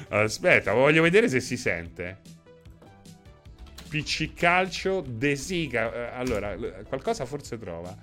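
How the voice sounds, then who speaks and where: A chatty man live-streaming and answering his chat by name, laughing often. His voice is bright and forward, with a very lively pitch that jumps around as he talks. Faint music plays behind him. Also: takes it slowly, long pauses.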